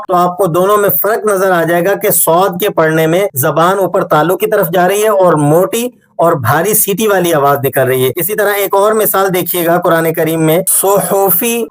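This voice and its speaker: A man teaching Quran recitation in a patient, explanatory way, slowing down to demonstrate each sound. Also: high-pitched. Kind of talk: tajweed lesson.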